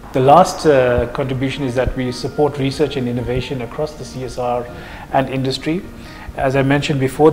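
A man in his thirties, originally from South Africa, answers interview questions at a middle pitch, working through examples and pausing on fillers. The room carries a long hall reverb. Faint music plays underneath. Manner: measured, explains with examples, frequent fillers. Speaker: project manager being interviewed. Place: office lounge, seated on a sofa.

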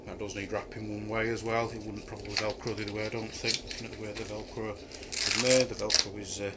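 In a kitchen at home, a middle-aged Yorkshireman talks fast in a fairly low, level voice while casually reviewing a camping chair. He keeps hesitating and saying um as he thinks, and the recording from a camera a few feet away is very noisy.

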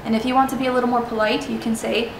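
Speaking very fast in a gravelly, level, somewhat high voice, a young Spanish-native woman gives a casual on-camera lesson in travel phrases. She's chatty and self-deprecating, with many ums and restarts. The recording is reverberant, the mic is distant, and there's background noise.

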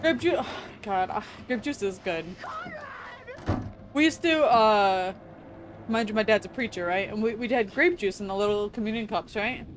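A woman's voice: mid-range voice, moderate pace, background noise. A woman chatting casually while gaming with a friend, playfully teasing and swearing freely. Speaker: co-op game streamer.

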